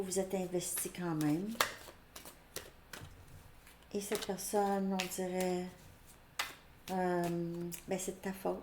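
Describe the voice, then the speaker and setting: A woman with a Québécois French accent giving a casual, rambling tarot reading, thinking aloud with many fillers. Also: mid-range voice. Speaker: tarot reader. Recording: echoey room with faint noise.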